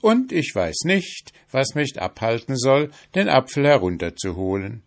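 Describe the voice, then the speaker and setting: A man's voice: medium pitch, big pitch swings, unhurried, voice pushed up. A man doing a bold, boastful young prince. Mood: confident. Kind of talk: audiobook fairy tale reading.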